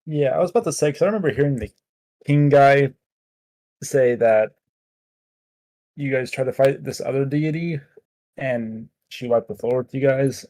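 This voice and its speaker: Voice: medium pitch, normal speed, pauses often, darkish tone, no echo. A player speaking in character in a tabletop game, curious and wry. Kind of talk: in-character tabletop role-play.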